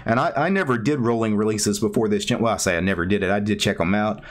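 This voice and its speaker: A man hosting a casual video-call chat, talking in a relaxed, rambling way with plenty of fillers. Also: fairly low pitch, fast talker. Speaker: host.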